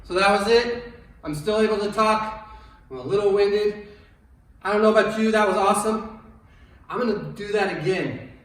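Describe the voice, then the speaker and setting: A man, a PE coach leading an online fitness class, upbeat and encouraging, calm when guiding. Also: high-pitched, normal speed, long pauses, very echoey, distant mic, noisy background.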